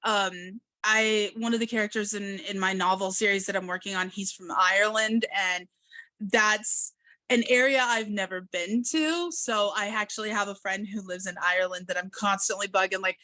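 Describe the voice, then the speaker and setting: A woman's voice: medium pitch, fairly even intonation, moderate pace, pushed and bright, no echo. An American woman hosting an interview, chatting casually over a video call with fillers. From American Midwest and South. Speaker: host.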